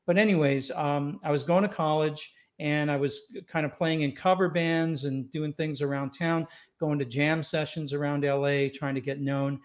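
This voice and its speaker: A saxophonist in his sixties, born in Scotland and raised in LA, guests on a relaxed storytelling interview by video call. His voice sits on the high side with a steady tone and normal speed, and his easygoing, reflective anecdotes are full of fillers and restarts. He speaks into a boom-arm studio mic in a home room with wooden doors and shelves.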